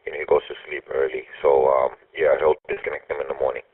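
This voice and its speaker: Man, very low and husky, on a ham radio net. Halting and casual. Heard through static-laden radio. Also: little pitch movement, no echo. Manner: halting, with frequent ums. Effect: heard over a thin, static-laden ham radio transmission. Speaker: amateur radio operator reporting to net control. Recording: distant, dry, phone-like radio audio.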